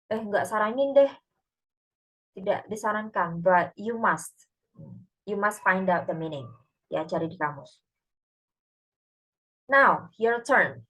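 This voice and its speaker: An Indonesian-accented woman teaching an online class in an easygoing, conversational way. She moves freely between two languages as she explains, and her voice sits at an ordinary middle pitch. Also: low-quality recording. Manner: code-switches between Indonesian and English, relaxed and chatty. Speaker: English lecturer. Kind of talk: recorded online lecture.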